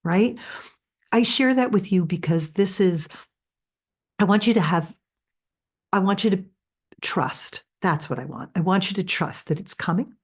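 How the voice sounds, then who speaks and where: A woman hosting a spiritual healing podcast, speaking in a soft, earnest, reassuring way with frequent restarts and tag questions. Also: medium pitch, unhurried, long pauses, slightly rough. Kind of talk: gentle guided spiritual talk.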